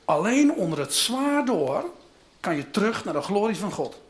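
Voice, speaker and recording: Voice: medium pitch, sing-song, moderate pace. A preacher giving a sermon, telling the story dramatically and dropping in casual asides to the listeners.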